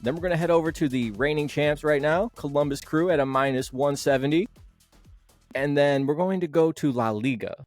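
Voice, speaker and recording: A man's voice: fairly high pitch, fairly quick, a little mellow, no room sound, faint music behind. A man hosting a casual sports podcast, talking bluntly and rambling, with the odd swear word. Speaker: podcast host.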